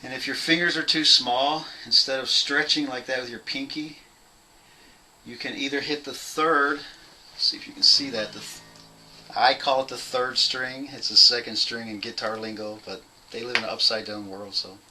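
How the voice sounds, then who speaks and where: A young man casually teaching a bass part at home, rambling, apologizing and laughing at himself as he counts out beats. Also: steady tone, moderate pace, pushed and bright, a little hiss or hum, poor audio. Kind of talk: casual home video lesson.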